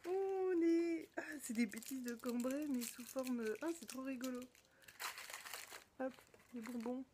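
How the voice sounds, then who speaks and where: A French woman hosting a knitting podcast, chatting casually as she unboxes gifts, full of delighted little exclamations and often dropping to a soft near-whisper. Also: high voice, unhurried. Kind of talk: casual unboxing chat to camera. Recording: noticeable background noise.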